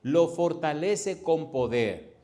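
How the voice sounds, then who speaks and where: A male pastor delivers a fervent sermon in a somewhat high voice. He stretches single words out slowly, then rushes through runs of phrases, hammering points home with repetition. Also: animated, warm tone. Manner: fervent preaching with emphatic repetition; swings between slow stressed words and fast runs.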